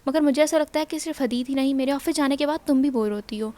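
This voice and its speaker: A woman reading an audiobook, voicing a playful, coaxing young husband in her own high voice. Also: mellow, lightly acted. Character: teasing affectionate young husband.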